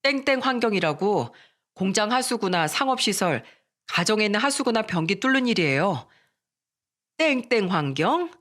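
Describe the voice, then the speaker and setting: A narrator reading a scripted first-person story in a calm, steady way. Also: mid-range voice, fairly quick.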